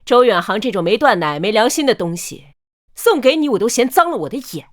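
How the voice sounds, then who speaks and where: Defiant, high-voiced older mother-in-law. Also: very animated. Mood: scornful. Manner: pointed, sardonic, deliberate. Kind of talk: melodramatic short-drama acting.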